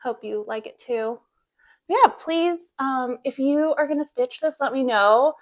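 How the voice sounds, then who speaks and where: A woman's voice: sits high, unhurried, dull audio. A woman in her thirties chatting casually to camera about her cross stitch, bubbly and full of fillers.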